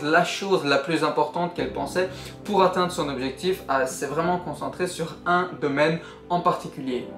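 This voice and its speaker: An earnest young man talks straight to his viewer in a casual vlog, encouraging and friendly. His voice sits a little high, and the room around him rings with echo. Soft music plays faintly underneath. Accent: Belgian French. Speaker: YouTuber. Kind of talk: book summary vlog.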